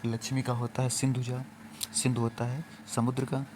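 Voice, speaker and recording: A man's voice: medium pitch, completely flat delivery, normal speed. A man teaching a vocabulary lesson for an exam, repeating each word and quizzing the listener before answering himself. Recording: faint background noise.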